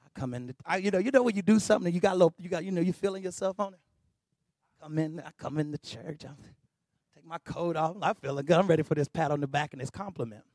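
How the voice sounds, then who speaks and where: A man preaching a sermon, swinging from shouted, rising peaks into quiet storytelling asides. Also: a little high, quick pace, no echo. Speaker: pastor.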